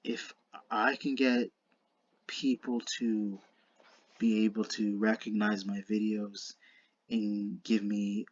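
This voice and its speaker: A man with a slushy lisp on his s sounds gives casual, unscripted commentary to viewers as a video creator, earnest and halting, often restarting his words. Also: fairly low pitch, little pitch movement, slightly rough, lo-fi sound. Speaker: video creator narrating a card game duel.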